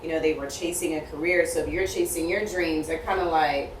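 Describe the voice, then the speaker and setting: Low-voiced reflective woman, roomy echo. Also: steady tone, brisk, a little hiss or hum. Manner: reflective, many fillers. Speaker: podcast co-host. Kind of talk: casual chat. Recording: roomy echo, distant mic.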